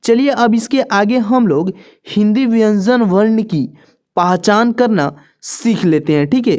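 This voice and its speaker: A woman's voice: medium pitch, darkish tone. A woman teaching a beginner reading lesson, patiently naming each letter and repeating it for her viewers.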